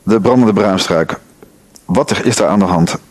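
Low-voiced man teaching from scripture. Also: measured pace, darkish tone. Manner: reads scripture aloud and asks the listeners questions. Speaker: Bible teacher. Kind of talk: Bible study talk.

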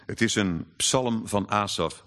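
A man preaching a sermon, earnest and emphatic, slowing down to read scripture aloud. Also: lowish voice, a bit bright.

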